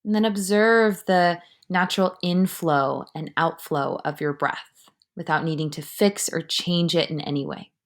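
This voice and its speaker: Slow, low-voiced woman guiding meditation. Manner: calm, measured, often trailing into breathy near-whisper. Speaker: meditation guide. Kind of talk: guided breathing meditation, slow instruction and counting.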